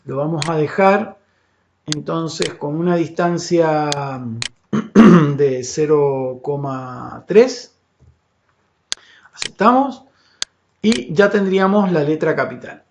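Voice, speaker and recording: A man teaching a software lesson over a screen recording, patient and explanatory, often checking in with his students and pausing on "eh". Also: fairly high pitch. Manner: patient, explanatory, frequent "¿sí?" and "fíjense" check-ins; filler "eh" and "este" between phrases. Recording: dull lo-fi audio with faint hiss.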